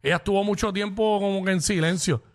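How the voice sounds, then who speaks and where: A man's voice: high-pitched, steady tone. A Puerto Rican man co-hosting a radio show, joking and teasing his co-host in casual banter. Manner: teasing, quick jokes.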